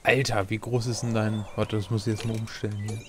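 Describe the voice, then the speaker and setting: A man with a German accent co-hosting a let's play, excitable and teasing, laughing often. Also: fairly low pitch, quick pace, slight background noise. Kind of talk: casual gaming chat.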